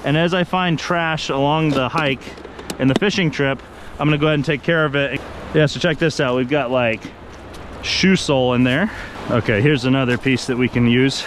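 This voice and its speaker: A man's voice: mid-range voice, background noise. Upbeat man vlogging by a river. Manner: upbeat, chatty, addresses viewers as guys. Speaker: fishing vlogger. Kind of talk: casual vlog narration to camera. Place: outdoors on a riverbank. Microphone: action camera held at arm's length. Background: rushing river water.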